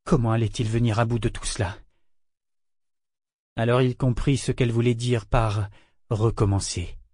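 A man narrating an audiobook in a measured, even storytelling manner. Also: mid-range voice, dry recording, clean studio sound.

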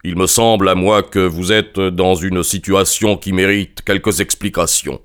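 A man's voice: sits low, steady tone, a little slow, a bit bright, clear, resonant tone. A man voicing a stern, suspicious old male professor in an audiobook, harsh and menacing. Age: older. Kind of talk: audiobook character reading.

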